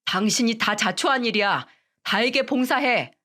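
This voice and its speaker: A woman's voice: on the high side, moderate pace, bright, forceful tone. A woman voicing an angry grown son who answers his wife bluntly and coldly. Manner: blunt, cold.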